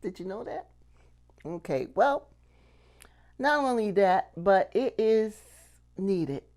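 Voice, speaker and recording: The puppetry channel host, a middle-aged woman, teaches slowly and casually to camera in a mid-range, animated, slightly mellow voice. Throughout, she asks rhetorical questions and keeps checking in with "okay?"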